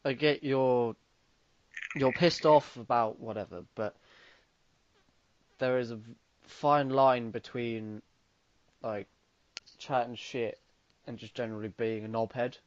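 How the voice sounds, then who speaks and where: A man's voice: mid-range voice, fairly even intonation, takes it slowly, long pauses. A young man with an Irish accent co-hosting a podcast, cracking dry jokes and hesitating with fillers. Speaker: podcast co-host. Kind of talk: casual chat. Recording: dull lo-fi dry sound.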